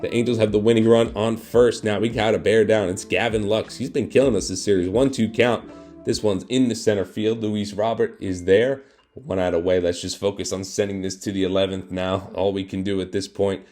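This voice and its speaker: A man calling the action of a video game like a sportscaster, his fairly low voice leaping up in pitch and volume when a play turns. He sounds slightly worn, like his voice is going. Faint music plays behind him. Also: fairly quick. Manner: excitable, voice jumps up and gets loud at big plays. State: losing his voice. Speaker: gaming YouTuber.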